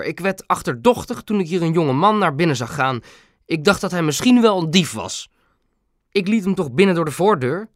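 A snooping busybody neighbor from a storybook, talking heavily through his nose with a gruff, slow, self-important bark, as a male narrator puts him on. He sounds higher and more lively than a plain reading voice. The recording is close and dry. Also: no room sound. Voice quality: nasal. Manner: gruff, suspicious, slow and pompous. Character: snooping nasal nosy old male neighbor. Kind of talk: storybook audiobook acting.

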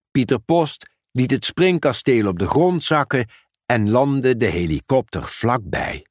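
A man reading a children's storybook aloud in a measured, expressive way. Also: mid-range voice, dry recording, studio quality. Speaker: narrator.

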